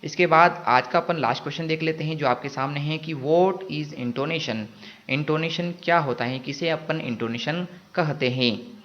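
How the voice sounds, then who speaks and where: A man's voice: fairly high pitch, moderate pace, a bit bright. A man teaching an exam-prep class, reading each English phrase and then explaining it in Hindi, often asking a question and answering it himself. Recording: dull lo-fi audio.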